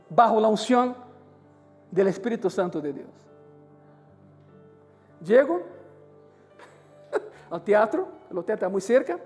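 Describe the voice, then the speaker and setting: A man preaching a sermon as pastor, telling a story and acting out the dialogue. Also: very high voice. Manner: animated, acts out dialogue in the story. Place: church service. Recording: live church hall with music behind.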